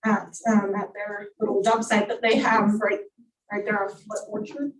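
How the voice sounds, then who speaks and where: A woman explaining her family's request at a city council meeting, halting and repeating words as she talks. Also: mid-range voice, little pitch movement. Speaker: resident making a request. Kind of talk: public comment at a council meeting. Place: council chamber. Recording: roomy and far from the mic.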